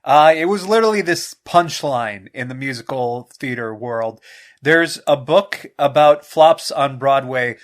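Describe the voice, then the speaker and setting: A woman's voice: extremely low pitch, lively intonation, measured pace. A woman co-hosts a casual podcast, getting over a cold. Her delivery is wry and easygoing, full of dry asides. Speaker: podcast co-host. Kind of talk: casual chat.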